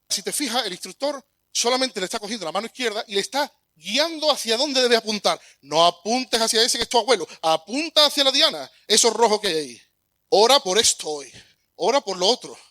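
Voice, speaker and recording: Male preacher, high bright tone, earnest with emphatic peaks, dry close sound. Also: dry recording. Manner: earnest, rises to emphatic bursts when quoting. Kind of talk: sermon.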